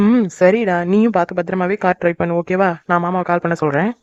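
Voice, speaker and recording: A woman voicing a caring young married woman in a cartoon, a soft-hearted elder sister who cries easily. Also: on the low side, steady tone, fast talker, no echo, natural voice. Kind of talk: cartoon voice acting. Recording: dry, dull lo-fi recording.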